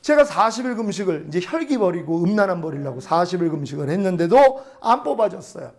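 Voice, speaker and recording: A middle-aged male pastor preaching a testimony sermon, telling his story with animated storytelling and acting out dialogue with God. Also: sits high.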